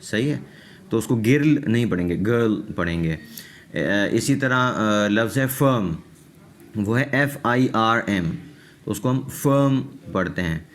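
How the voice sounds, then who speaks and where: A man with a fairly low voice teaches English pronunciation. He moves through the rules at an unhurried pace and keeps checking that his listeners follow. He sounds patient and methodical. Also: expressive, a bit bright, slight background noise. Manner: reads English examples aloud very slowly. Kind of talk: pronunciation lesson.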